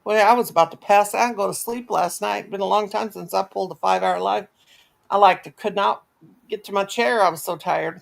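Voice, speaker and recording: A woman's voice: mid-range voice, creaky, poor audio. A woman hosting a casual crochet video call, chatty and folksy, teasing her friends. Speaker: host of a crochet livestream. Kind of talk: casual group video chat.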